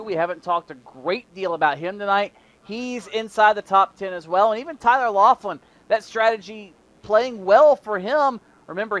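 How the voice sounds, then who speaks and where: High-voiced male race commentator. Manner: builds to excited shouting on race action. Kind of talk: sim racing play-by-play commentary.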